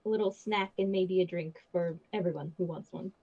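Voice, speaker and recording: A woman's voice: fairly low pitch, steady tone, brisk, mellow, dull audio. A woman playing in a tabletop game, chatting cheerfully. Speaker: player.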